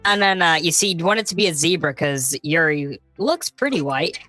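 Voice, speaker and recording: A woman's voice: deep voice, animated, normal speed, bright, forceful tone, soft background music. A woman joining a game stream, teasing the others in casual chat. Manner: teasing, playful.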